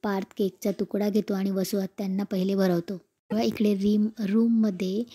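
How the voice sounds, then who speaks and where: A woman's voice: medium pitch, little pitch movement, moderate pace, mellow, slightly rough. A woman retelling a TV serial episode and reading out every character's lines in her own voice. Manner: plainly recounts each scene, reading out every character's lines herself. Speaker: serial recap narrator.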